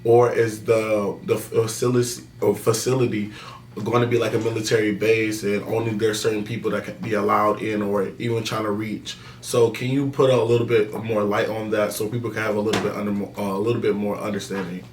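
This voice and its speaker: A man's voice: fairly low pitch, little pitch movement, a little fast, a little hiss or hum. A young male student hosting a podcast, asking hesitant questions while searching for his words. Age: young adult. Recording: roomy, distant mic.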